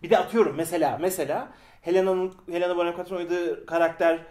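A man co-hosting a casual film discussion, excitable and quick to interject. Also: sits high. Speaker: podcast co-host. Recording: echoey room.

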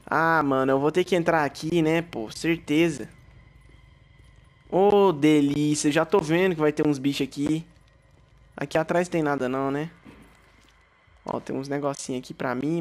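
A young man with a Brazilian Portuguese accent giving slangy let's play commentary, swearing freely and shouting in alarm when startled. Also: a little high. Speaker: gaming YouTuber.

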